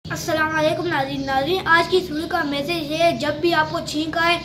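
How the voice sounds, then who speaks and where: A high, sweet cartoon boy, voiced by a woman, who is friendly and chatty and turns gently preachy when he speaks to the viewers. The voice rings high and bright inside an echoey room, with clear background noise underneath. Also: steady tone, normal speed. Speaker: cartoon host addressing viewers. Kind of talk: children's cartoon voice acting.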